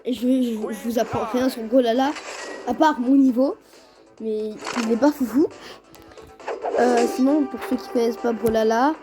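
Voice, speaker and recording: A woman's voice: fairly high pitch, fairly even intonation, normal speed, over music. A woman hosting a gaming video, giving casual gameplay commentary and reacting aloud to the play with exclamations.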